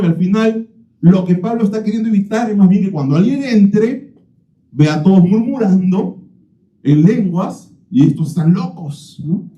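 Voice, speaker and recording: Emphatic pastor preaching, mellow voice. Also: male voice, high-pitched. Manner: emphatic, repeats key phrases, asks rhetorical questions. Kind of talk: expository sermon. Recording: roomy, slightly dull church recording.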